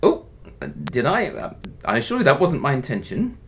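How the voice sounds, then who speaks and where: A man's voice: mid-range voice, wildly swooping pitch, moderate pace, a bit bright. A man acting in an audio drama as a bored, wry middle-aged researcher with a polite, evasive manner.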